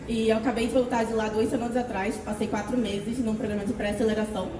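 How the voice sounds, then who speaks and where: Young woman talking on a panel, high voice, long echo, noisy. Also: flat delivery, quick pace. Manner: casual, hesitant. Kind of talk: panel talk. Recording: echoey hall, far from mic, noisy.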